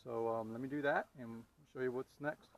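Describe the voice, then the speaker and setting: A DIY vlogger with a medium-pitched, steady voice walks through a hands-on installation in the style of a casual how-to video. He speaks informally and haltingly, seeming to think aloud as he works. A little hiss or hum sits under the recording.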